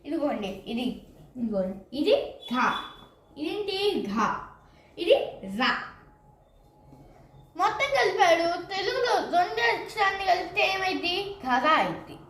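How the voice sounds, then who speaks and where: High-voiced woman teaching slowly. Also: lively intonation. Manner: patient, repeats points and quizzes the viewer. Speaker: Hindi teacher. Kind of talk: slow step-by-step teaching. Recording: roomy, distant from mic, faint noise.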